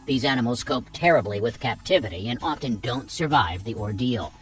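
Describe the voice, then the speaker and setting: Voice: medium pitch, animated, fairly quick, far from the mic. A narrator reading a scripted nature documentary countdown, chatty and speaking straight to viewers with playful asides. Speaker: narrator of a wildlife list video. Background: background music.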